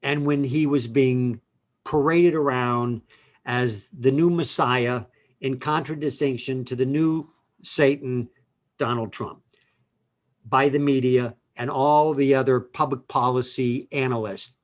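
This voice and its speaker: A man co-hosting a talk show, laying out arguments in a measured way and rising with emphasis on key points. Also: mid-range voice, fairly even intonation. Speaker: co-host, lawyer. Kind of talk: opinionated talk show discussion.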